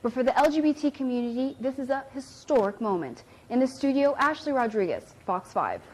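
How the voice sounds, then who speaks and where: Female reporter, clear even delivery, slightly high pitch. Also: a little fast, poor audio. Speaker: TV news reporter. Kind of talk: live news report.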